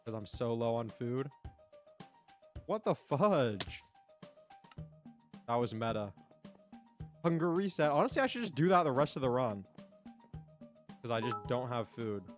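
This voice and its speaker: A man's voice: medium pitch, big pitch swings, measured pace, long pauses, over music. A man streaming a game, rambling casually and talking to his chat. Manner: rambling, chatty, talks to chat. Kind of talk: casual gameplay commentary.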